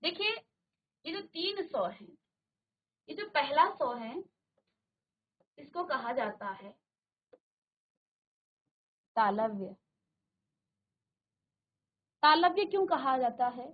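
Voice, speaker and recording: Slow, patient woman teacher. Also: sits high, lively intonation, lo-fi sound. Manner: slow, repeats syllables aloud for pupils. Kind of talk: classroom lesson. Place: studio virtual classroom.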